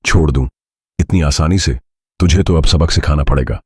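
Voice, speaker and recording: A man's voice: rumbling low, normal speed, slightly rough, no room sound, clean studio sound, heavily acted. A man doing a drunk sneering henchman. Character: drunk cruel male henchman.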